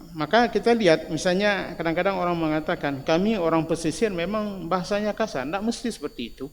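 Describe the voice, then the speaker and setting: Man preaching in a reverberant mosque. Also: a little high. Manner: conversational, often adding tag words between phrases. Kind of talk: mosque sermon. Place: mosque hall. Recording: long hall reverb, faint noise.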